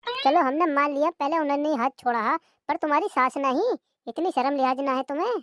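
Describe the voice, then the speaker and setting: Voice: high voice, fairly quick, a bit bright, dry recording, studio quality. A voice artist voicing a grown daughter who visits her mother and scolds her sister-in-law, for a cartoon. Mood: scolding. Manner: confronting, scolding.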